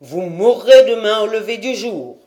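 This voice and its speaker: A woman reading an audiobook voices a stern, fierce male chief, speaking in loud, forceful pronouncements. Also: lowish voice, lively intonation, measured pace. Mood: triumphant.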